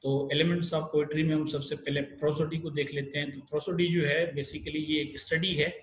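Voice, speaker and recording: A man's voice: fairly high pitch, little pitch movement, normal speed. Man lecturing in an echoey room. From Pakistan. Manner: explanatory, many fillers and restarts. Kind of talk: online literature lecture. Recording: echoey room with faint hiss.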